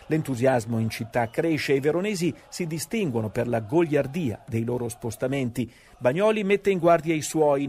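A man's voice: mid-range voice, a little mellow, a little hiss or hum. A man narrating scripted sports history as a storyteller, with conversational rhetorical asides.

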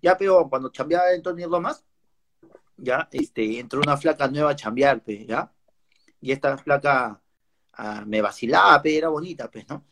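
A man's voice: fairly high pitch, normal speed, background noise. A man with a Peruvian Spanish accent, joking and swearing in a casual slangy chat with his co-host. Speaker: livestream co-host.

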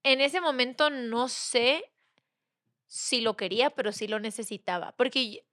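A young woman with a Mexican accent speaks openly as a podcast guest, her voice sitting a little high. She mimics family and friends as she tells things, and the recording is close and dry. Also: a little slow, a bit bright, no echo. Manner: candid, acts out quoted voices of family and friends. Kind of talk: casual chat.

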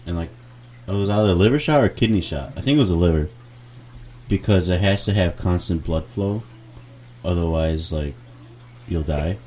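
A man co-hosting a podcast, chatting and explaining things in a relaxed, rambling way. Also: low-pitched, moderate pace, long pauses. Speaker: podcast co-host. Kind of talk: casual chat.

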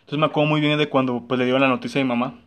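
A man's voice: medium pitch, flat delivery, rapid-fire, clean tone. A young man with a Mexican accent telling a personal story in casual, slangy chat, full of fillers.

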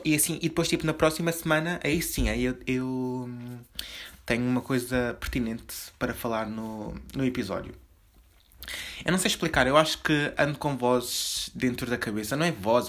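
A young man with a European Portuguese accent talks quickly on his solo podcast. His voice is soft and sits at an ordinary middle pitch. He rambles in a confessional way, doubling back with fillers and restarts. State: slightly deeper voice from just waking up. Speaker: podcast host. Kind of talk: casual solo podcast chat.

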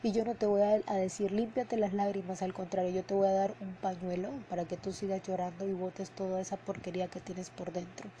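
A woman's voice: medium pitch, level tone, brisk, few pauses, dark tone, a little hiss or hum, poor audio. A woman hosting a podcast as an emotional coach, talking in an earnest, heartfelt way, repeating words for emphasis and ending sentences with a questioning "no?". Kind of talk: casual spoken podcast monologue. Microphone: headphones and podcast mic.

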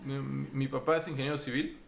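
Mexican man, 40s, gravelly voice, relaxed rambling guest, faint room noise. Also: medium pitch, fairly quick. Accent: Mexican Spanish. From Mexico City. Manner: relaxed, rambling with many fillers and tag questions. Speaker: guest, finance executive. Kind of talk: casual interview talk.

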